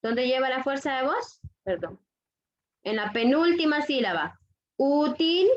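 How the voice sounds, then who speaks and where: A woman teaching a grammar lesson to young students, repeating each rule and checking that the class follows. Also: fairly high pitch. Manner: slow, deliberate, repeats rules, checks understanding with questions. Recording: dull lo-fi audio.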